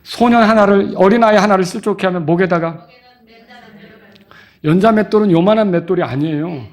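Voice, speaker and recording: A middle-aged man preaching a sermon as pastor, acting out quoted voices and shouting at the high points. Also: fairly quick.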